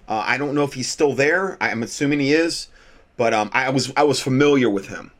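A man with an American accent hosting a show of informal political commentary, talking in a loose, halting, off-the-cuff way. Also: medium pitch, fairly bright tone.

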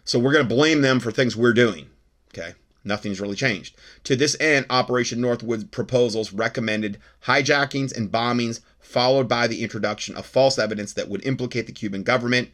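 Male American talk host, medium pitch, conspiratorial and paranoid, moves between read copy and off-the-cuff rant. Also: brisk, fairly bright tone. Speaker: host of an alert talk show. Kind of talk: reading news reports with off-the-cuff ranting commentary.

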